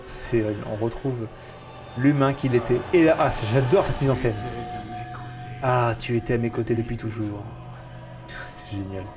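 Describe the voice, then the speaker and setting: A French man casually commenting on a video game he is streaming, chatty and excitable. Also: medium pitch, moderate pace, long pauses, music in the background. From France. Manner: chatty, excitable, swears at setbacks.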